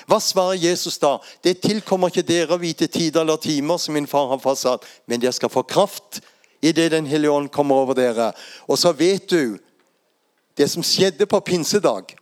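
Older Norwegian preacher, fairly high voice. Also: male voice. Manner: storytelling Bible exposition with rhetorical questions. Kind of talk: sermon.

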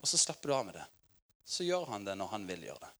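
A Norwegian man in his forties preaching a sermon in a church, telling stories with lively energy and laughter. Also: lowish voice. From Norway. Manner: lively storytelling with laughter, acted quotes.

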